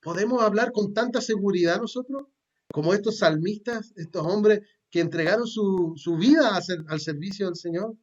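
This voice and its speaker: This pastor, a man with a Chilean Spanish accent and a high voice, preaches a sermon at a moderate pace. He reads scripture aloud and explains it plainly and conversationally, with fillers and repeated words, and the sound is lo-fi.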